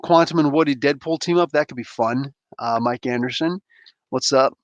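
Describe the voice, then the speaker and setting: Reading chat and unboxing toys on a casual livestream, a New Jersey man in his thirties rambles in slang and laughs a lot, totally laid-back. His mid-range voice moves at a moderate pace, and the audio is dull with no room sound.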